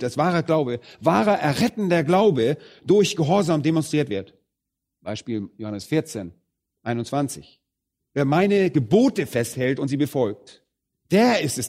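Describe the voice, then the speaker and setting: A man delivering a sermon straight to his congregation, his voice rising and falling sharply. He hammers some words loud and slows down, then sinks into quiet, low phrases. His pace shifts often within a single thought. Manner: emphatic, swings between loud stresses and quiet low phrases; addresses the congregation directly. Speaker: preacher.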